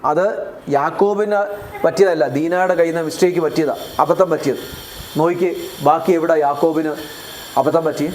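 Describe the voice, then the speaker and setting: A man's voice: a little high, fairly even intonation, brisk, long pauses, a little mellow, slight background noise. A man with a Malayali accent preaching a sermon as pastor, often putting questions to the congregation. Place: church.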